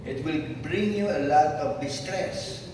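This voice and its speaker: Slow-spoken older Filipino man, echoey hall. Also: a little high. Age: 70s. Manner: slow, reflective, fatherly advice. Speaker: former teacher at a class reunion. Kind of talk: heartfelt speech to former students. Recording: echoey hall from far off, noisy.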